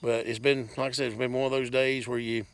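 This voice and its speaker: Talking at a quick pace with a level tone and a mid-range voice, a farm vlogger gives a casual, meandering update to his viewers. He's outdoors on the farm holding a camera, speaking in a folksy, plainspoken style.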